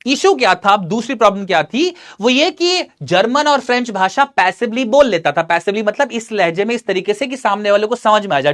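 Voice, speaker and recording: A man's voice: sits high, fairly bright tone. Man reading and explaining a story in lessons. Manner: reads English text slowly, then explains briskly in Hindi. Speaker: English teacher.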